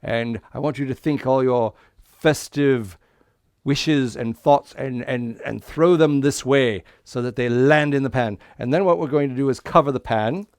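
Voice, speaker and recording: A man playing a friendly Santa Claus, talking to children like a party magician with showy patter and a gravelly voice. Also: medium pitch, no room sound, clean studio sound, close to an everyday voice. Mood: showy, jolly. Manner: kids' party magician patter, drawn-out showy counting and reveals. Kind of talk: interactive children's visit over the internet.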